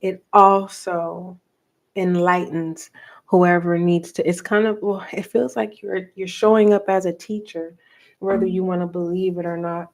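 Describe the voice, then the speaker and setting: A middle-aged woman giving a tarot reading for viewers, talking softly and slowly and pausing as she reads the cards aloud. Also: on the low side, level tone. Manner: slow, soft and meditative, reading cards aloud with pauses. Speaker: tarot reader.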